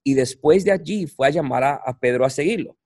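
Preacher, dry close sound. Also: male voice, a little high, creaky, a little mellow, no room sound. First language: English. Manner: halting, searching for words, repeating for emphasis. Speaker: pastor, guest. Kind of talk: conversational preaching on scripture.

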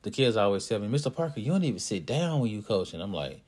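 A man who hosts a podcast and coaches youth basketball, telling a story in a casual, animated way and speaking straight to his listeners. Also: on the low side, fast talker. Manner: animated, talks to listeners directly.

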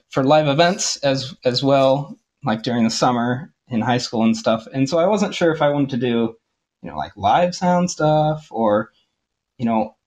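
A man in his twenties from Ohio, a podcast guest, answering in a relaxed way with frequent laughs and ums. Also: medium pitch. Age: 20s. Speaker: guest, audio engineering tech. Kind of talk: casual interview chat.

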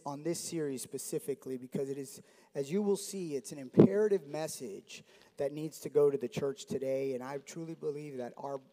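A man from South Florida in his forties gives an earnest testimony to a church, with touches of humor. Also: on the high side. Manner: earnest, warm, with light humor. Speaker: church member giving testimony. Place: church hall. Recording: long reverb of a church hall.

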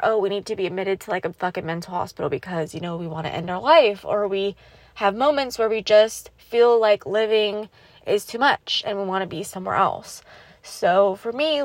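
A woman's voice: medium pitch, dry recording. A young woman hosting her own podcast, talking candidly and bluntly, with heavy swearing and lots of fillers, sounding raw and vulnerable. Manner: raw, vulnerable, holding back tears. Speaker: podcast host. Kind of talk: candid solo podcast monologue.

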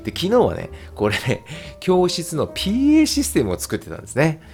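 A man's voice: brisk, faint music behind. A man hosting a casual solo podcast, chatting with many fillers and laughs. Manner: chatty, frequent fillers and laughs, lively pitch. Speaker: podcast host and English teacher.

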